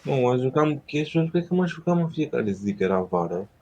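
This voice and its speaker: A man chatting casually with a teammate during an online shooter, relaxed and rambling in half-finished sentences. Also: mid-range voice, dull audio, crowd noise. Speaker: teammate, co-player. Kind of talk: casual chat while gaming.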